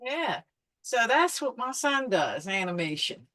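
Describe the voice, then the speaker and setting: A woman's voice: a little high, big pitch swings, measured pace, a bit bright, no echo. A woman hosting an interview show, introducing her guest with upbeat enthusiasm and asking questions. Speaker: podcast host.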